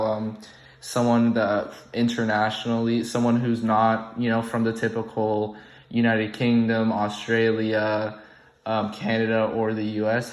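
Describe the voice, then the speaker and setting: Rambling young man in an echoey room. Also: fairly low pitch. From born in the UK. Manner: rambling with many ums and restarts. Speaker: online game host. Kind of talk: casual unscripted commentary. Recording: echoey room, poor audio.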